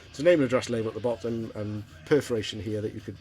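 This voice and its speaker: A man's voice: fairly low pitch, racing, a little mellow. A middle-aged man from Wales, chatting casually and hesitantly through a show-and-tell of his record collection. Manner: rambling, hesitant, many ums and restarts. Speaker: vinyl collector vlogger.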